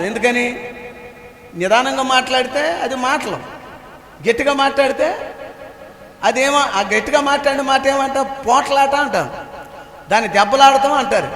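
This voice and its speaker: A man's voice: very high voice, fairly bright tone. A man preaching a sermon as pastor, asking the congregation questions and answering them himself, repeating key phrases. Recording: echoey hall with long reverb.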